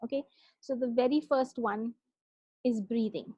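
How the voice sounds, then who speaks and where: A woman working as a parenting coach, giving a conversational talk on calming down, and she often asks "right?" as she goes. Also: fairly high pitch, unhurried, husky, no room sound, muffled recording. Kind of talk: talk on self-regulation.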